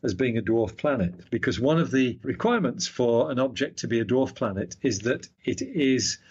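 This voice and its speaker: Husky man explaining astronomy. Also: mid-range voice, animated, normal speed, darkish tone, dull audio. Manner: explains with analogies, self-deprecating asides. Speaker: astronomy commentator. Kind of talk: casual explanatory chat.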